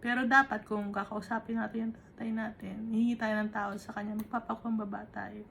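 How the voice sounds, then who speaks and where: A woman's voice: medium pitch, little pitch movement, vocal fry, fairly bright tone, slight background noise. Woman teaching from the Bible. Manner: Taglish, reads scripture slowly then explains conversationally with tag questions. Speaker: preacher. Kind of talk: Bible teaching, reading verses and explaining.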